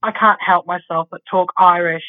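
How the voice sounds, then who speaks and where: A woman's voice: lowish voice, steady tone, normal speed. A woman co-hosting a podcast, chatting casually in a rambling way and swearing now and then. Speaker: podcast co-host. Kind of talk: casual chat. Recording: dull lo-fi sound.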